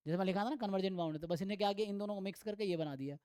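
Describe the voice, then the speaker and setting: Male math tutor, clear tone, dry close recording, thinks out loud and reads theorems slowly. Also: sits high, dry recording. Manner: thinks aloud, mixes Hindi with English terms. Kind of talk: online exam-prep lecture.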